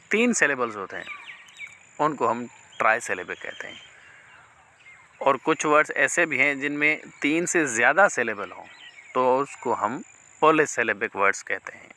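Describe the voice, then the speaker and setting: A man teaching linguistics in a slow, deliberate lecture, mixing Hindi and English. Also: mid-range voice, pushed and bright. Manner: slow, deliberate explaining, words drawn out.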